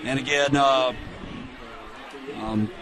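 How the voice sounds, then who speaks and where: A man doing chatty play-by-play for a high school football game, reading out viewer shout-outs between plays. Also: steady tone, takes it slowly, a crowd in the background. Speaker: play-by-play announcer.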